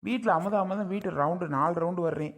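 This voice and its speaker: A man's voice: sits high, fast talker. A man playing a young husband who protests to his mother-in-law, pleading and exasperated. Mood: puzzled.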